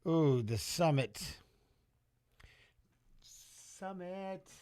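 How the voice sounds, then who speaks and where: Excitable man calling a fight live. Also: fairly high pitch, very slow. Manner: excitable, chatty, talks to viewers and chat. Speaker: watch-along host and fight commentator. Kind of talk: casual live fight commentary.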